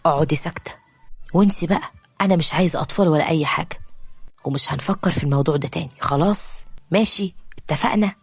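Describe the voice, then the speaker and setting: A woman's voice: low voice, quick pace, pauses often, husky, dry recording. A woman voicing a troubled young husband who speaks in a subdued way with an Egyptian Arabic accent. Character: troubled young husband torn over children.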